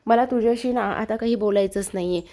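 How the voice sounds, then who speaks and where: A woman's voice: mid-range voice, brisk, dark tone, close to an everyday voice. A woman voicing a hurt, angry young wife who keeps firing reproachful questions at a man in a TV serial recap. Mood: tearful, furious.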